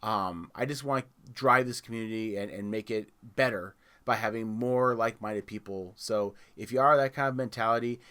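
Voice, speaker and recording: Bright-voiced male podcast host. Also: fairly low pitch, moderate pace, few pauses, clean tone. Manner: rambling, restarts words, plugs the community. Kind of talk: casual podcast chat.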